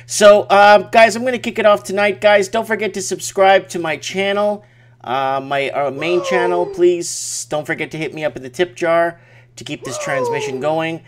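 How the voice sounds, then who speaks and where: Man, fairly high voice, casual late-night stream host, emphatic, repetitive phrasing. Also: sing-song, moderate pace, slight background noise. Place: small home office at night.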